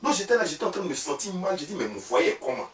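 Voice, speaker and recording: Pitching his voice above his own, a man talks very fast and high as a gossipy, boastful woman with an Ivorian French accent complaining about her husband in a comic sketch, with animated, loud outbursts. Recorded off-mic and from a distance in a roomy space, with a crowd faintly heard behind.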